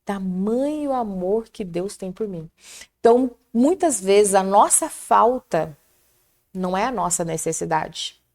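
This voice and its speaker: A woman's voice: medium pitch, animated, measured pace, a little mellow. Fervent Brazilian woman telling her story. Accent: Brazilian Portuguese. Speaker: prayer group guest. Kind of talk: casual testimony chat.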